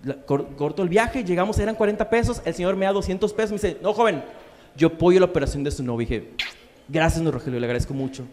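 A man's voice: high voice, fast talker, a little mellow. A man doing a crude, slang-heavy stand-up comedy set on stage in a comedy bar. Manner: crude, slangy punchlines with acted-out quotes. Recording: live club with long reverb.

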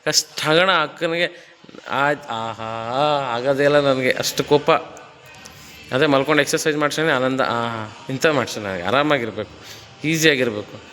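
A man's voice: medium pitch, normal speed, a bit bright, in a large hall. A man from Karnataka coaching a home workout in a casual, bossy and teasing way, counting reps aloud. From Karnataka, India. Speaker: fitness coach.

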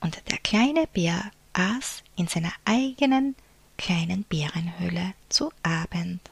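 A woman reading a picture book aloud to children in a soft, unvoiced whisper, as a whispered storybook reading. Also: lowish voice, animated, takes it slowly, vocal fry, slightly rough, no echo.

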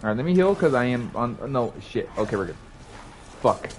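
Excitable swearing young male streamer. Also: medium pitch, fairly quick, slight background noise. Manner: excitable, swearing, panicked outbursts. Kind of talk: live gameplay commentary.

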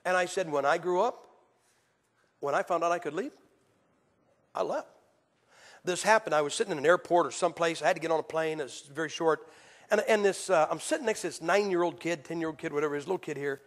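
A man preaching a sermon, telling stories with acted quotes and swinging from loud to hushed. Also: a little high, quick pace, long pauses. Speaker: evangelist preacher. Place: church. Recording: hall reverb.

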